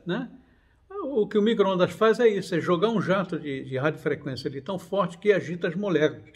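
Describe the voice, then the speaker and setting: Guy hosting his channel, kinda high voice, rambles and restarts a lot. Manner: animated, digressive, many restarts and fillers. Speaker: channel host. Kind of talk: casual talk to camera.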